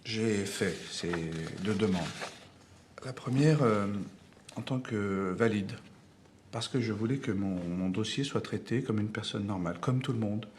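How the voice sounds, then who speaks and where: Guy playing a fake invalid, low meek halting voice, slight hiss behind. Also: a little mellow, lightly acted.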